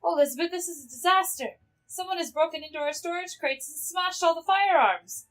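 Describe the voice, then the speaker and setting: A woman's voice: on the high side, expressive, quick pace, natural voice. A woman voicing a panicky young female gunsmith in a put-on Irish accent, talking in frantic worry. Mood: panicked.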